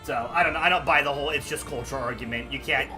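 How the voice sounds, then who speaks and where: A man's voice: medium pitch, fast talker, over music. A man streaming and talking casually, ranting heatedly with lots of swearing and filler words. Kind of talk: casual chat during a game stream.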